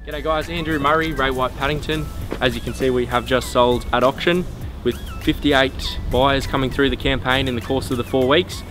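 A young Australian man speaks to camera as a real estate agent, in a promotional summary style. His voice is mid-pitched, recorded outdoors with faint music behind it. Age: young adult. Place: outdoors in a leafy front yard.

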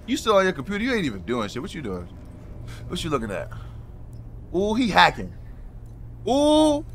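A gaming video creator with a medium-pitched, sharp voice jokes his way through a video game. He swears a lot, uses slang and talks directly to the characters on screen.

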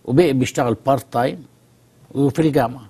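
An Egyptian man with an Egyptian Arabic accent, a talk show guest calmly explaining through stories. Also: mid-range voice, quick pace, husky. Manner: storytelling, calm and explanatory. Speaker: guest expert on immigration. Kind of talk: studio talk show conversation.

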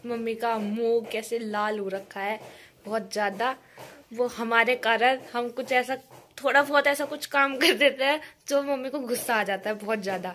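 A young woman chats to her viewers in a casual home vlog, her voice pitched high. She is talkative and laughs easily, and there is a faint hiss under the phone recording. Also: fairly even intonation, normal speed, fairly bright tone. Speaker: vlogger. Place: family home.

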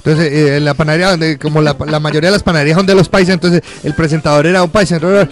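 A man from Colombia telling jokes at a live show in a halting way, full of fillers and restarts. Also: on the high side, steady tone. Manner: halting, hesitant delivery with many fillers. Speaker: comedian.

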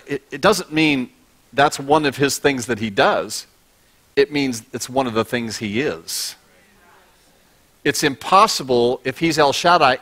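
A man's voice: medium pitch, fairly bright tone. A middle-aged man, a pastor, preaching a conversational and humorous sermon on a large church stage, through a body-worn mic. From United States.

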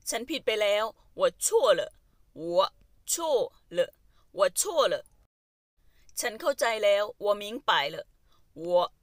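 Female language teacher, very slow deliberate drilling, dry close mic. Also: medium pitch, lively intonation, no room sound. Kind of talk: Mandarin phrase lesson in Thai.

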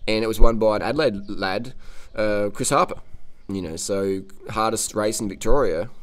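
An Australian man with a lowish voice talks at a moderate pace, giving casual, unscripted commentary over cycling race footage. He's blunt, cocky and slangy, and he often repeats phrases for emphasis.

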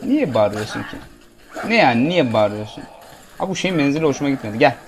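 Lively, chatty man playing a game. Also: mid-range voice, fast talker, noisy background. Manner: chatty, jokey, talks to the game characters. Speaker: gameplay commentator. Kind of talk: casual let's-play commentary.

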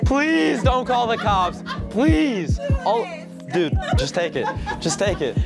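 A young man talking casually in a prank vlog, joking and laughing often with quick slangy talk, filmed on a handheld camera in stores and outside. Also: very high voice, huge pitch swings, creaky, loud music behind the voice. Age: young adult. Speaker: vlogger. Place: stores, parking lot and gas station, indoors and out.

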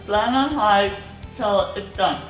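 A young woman hosts a home cooking show from a wood-walled cabin kitchen, walking through each step in short, simple sentences. Her voice is medium in pitch and slow in pace. The recording sounds roomy, with music playing behind her.

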